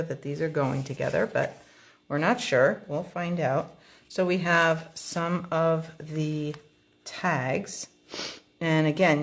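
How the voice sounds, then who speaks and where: A woman hosting a card-making tutorial, chatting casually through an unboxing and thinking aloud with frequent ums. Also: low-pitched.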